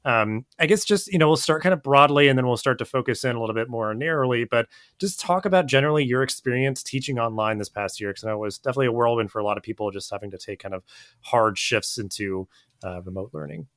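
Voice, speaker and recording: A man's voice: medium pitch, fast, dry recording, studio quality. Laid-back man hosting a podcast. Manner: relaxed, many filler "uh"s. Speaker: podcast host. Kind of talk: casual podcast interview.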